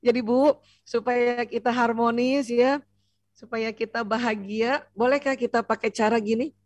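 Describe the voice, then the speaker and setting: A woman giving a seminar lecture on family life, lively and playful, teasing the audience and asking it questions. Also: a little high, moderate pace, no echo. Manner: asks the audience questions and answers them. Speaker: seminar speaker.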